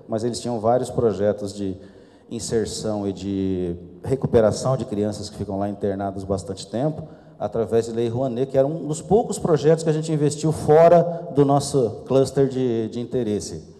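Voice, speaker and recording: In a long-reverberating conference hall, a middle-aged speaker presents slides to a panel. His mid-range voice has a dark tone and a moderate pace, and he keeps things informal with self-deprecating remarks along the way.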